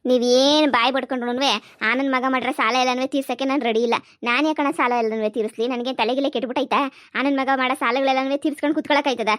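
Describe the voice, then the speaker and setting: A high, rapid-fire cartoon mother, voiced by a woman, stubborn and quick to scold. She grumbles and refuses, recorded dry and close with no room sound. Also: fairly even intonation, fairly bright tone, dry recording. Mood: defiant. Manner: scolding, grumbling, fast and defiant. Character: stubborn middle-aged village mother, election-obsessed. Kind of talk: cartoon comedy voice acting.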